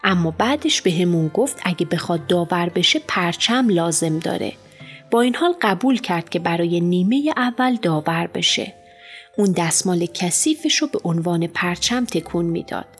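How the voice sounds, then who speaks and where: Woman reading a kids story aloud, lowish voice, lively, soft music under it. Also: husky. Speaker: audiobook narrator. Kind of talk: storybook narration as a boy narrator. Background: faint music.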